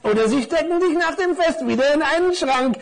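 A man voicing a small, jaded gift-wrapped tie in a children's story, a squeaky, lecturing know-it-all. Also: lively intonation, brisk.

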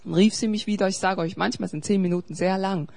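A woman's voice: mid-range voice, fairly even intonation, fast, creaky. Emphatic preaching woman. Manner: emphatic, swings between loud urging and quiet storytelling. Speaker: pastor. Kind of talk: sermon.

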